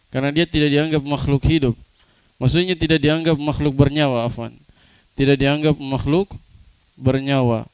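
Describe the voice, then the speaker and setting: Guy giving a religion class, clear voice, dry close sound, asks the room stuff then answers it himself. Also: medium pitch, a little mellow, no room sound. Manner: explanatory, asks students questions and answers them himself. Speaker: Islamic studies teacher. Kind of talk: classroom lecture. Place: study room.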